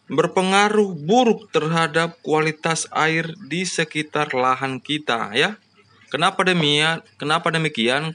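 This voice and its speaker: Male host, slightly high-pitched, giving a plain farming lesson with frequent fillers. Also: bright, forceful tone. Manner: addresses farmers as "Bapak Ibu", frequent "ya" and "namanya" fillers.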